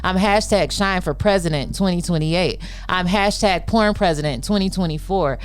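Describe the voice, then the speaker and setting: A woman's voice: fairly low pitch, normal speed. A woman from Detroit, a podcast guest, reading a spoken word poem in a defiant, rhythmic delivery. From Detroit, USA.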